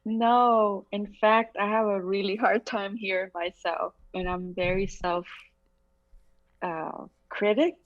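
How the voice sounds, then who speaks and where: Speaking over a video call from a bright room at home, a middle-aged singer from Chile gives a relaxed, reflective interview, laughing frequently. Spanish is her first language and her accent is Chilean; her medium-pitched voice is fairly even and unhurried, and the audio is slightly dull.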